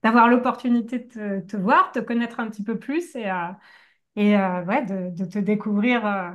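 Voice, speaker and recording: A woman's voice: mid-range voice, moderate pace, highs cut off. A young woman co-hosting a podcast, asking questions in a hesitant, giggly way with many fillers. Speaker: co-host. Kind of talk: casual podcast chat.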